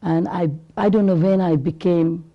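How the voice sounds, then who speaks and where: A woman's voice: lowish voice, steady tone, normal speed, muffled recording. A woman in her fifties, a classical singer talking earnestly in an interview with loose, rambling phrasing. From Bangladesh. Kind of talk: conversational interview.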